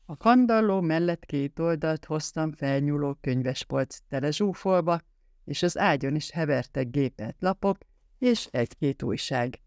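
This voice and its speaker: A man narrating an audiobook in a measured storytelling manner on a close studio mic. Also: on the high side, expressive, darkish tone, no echo.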